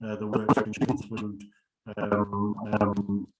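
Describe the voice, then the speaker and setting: A man's voice: fairly low pitch, monotone, crowd noise. Man on a garbled underwater-sounding call. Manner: halting, many pauses and fillers. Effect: bubbly underwater-sounding garbled connection. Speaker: council officer. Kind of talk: remote council meeting remarks. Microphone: video call.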